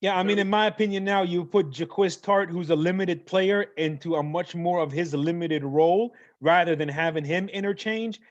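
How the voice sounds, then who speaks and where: Sports show host, high-pitched man, playful and hyped, dry dull lo-fi sound. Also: moderate pace, few pauses, dry recording. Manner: animated, playful, hype. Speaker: host of a mock draft show. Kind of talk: casual sports talk.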